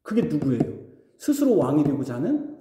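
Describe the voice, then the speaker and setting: A male pastor preaches with a lively, swinging delivery, firing questions at his congregation and slipping into mocking voices. His tone is mellow and rather high for a man. The sound rings with the long reverb of a church hall. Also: brisk, slight background noise. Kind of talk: sermon. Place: church sanctuary.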